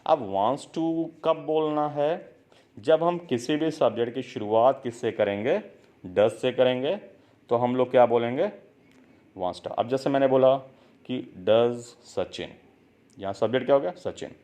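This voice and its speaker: Slow Indian man teaching English. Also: mid-range voice, warm tone. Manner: slow, drilling, asks learners to repeat. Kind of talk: classroom lesson in Hindi mixed with English.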